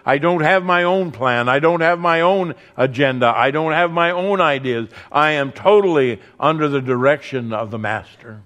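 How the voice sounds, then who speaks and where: A man preaching a sermon, earnest, building emphasis through repetition and dropping softly on key words. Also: fairly high pitch.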